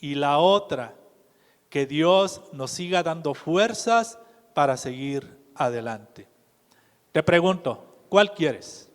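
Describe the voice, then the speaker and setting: A man preaches at a slow, deliberate pace, his voice sitting a little high for a man. He keeps turning to the congregation with questions. The sound carries a long reverb from a church hall. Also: expressive. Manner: measured, asks the congregation questions. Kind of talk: sermon.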